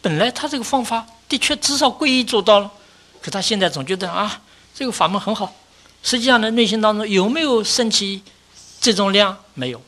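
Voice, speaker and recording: Buddhist dharma lecture, rhetorical questions, rising emphasis, low falling conclusions. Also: brisk, fairly bright tone. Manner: often lifts pitch and volume for emphasis, drops low at conclusions. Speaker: Buddhist teacher.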